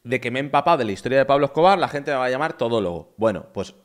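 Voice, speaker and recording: Un hombre joven de España, streamer, comentando en directo con entusiasmo y muchas repeticiones desde su cuarto. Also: male voice, mid-range voice, expressive, rapid-fire. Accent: Spain Spanish. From Spain. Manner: enthusiastic, repetitive, chatty. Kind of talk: casual live-stream commentary. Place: his own room.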